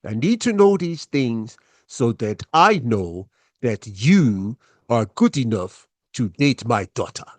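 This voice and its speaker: A man voicing a stern, strict older father with an African accent, talking in a formal, demanding, measured way. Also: mid-range voice, big pitch swings, no room sound.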